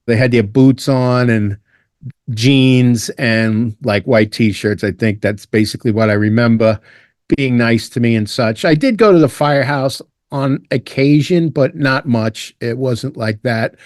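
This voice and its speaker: An older man from Ireland who was raised in Brooklyn, a retired fire lieutenant, tells stories as a guest in a casual interview. His medium-pitched voice is a little slow, relaxed and rambling, full of restarts and asides, recorded on a dry close mic with no echo.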